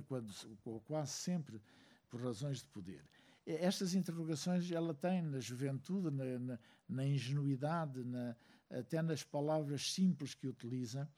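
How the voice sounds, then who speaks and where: A man from Angola giving a reflective speech to a seated audience, measured and full of hesitant pauses. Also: mid-range voice, dark tone. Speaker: speaker at a book launch.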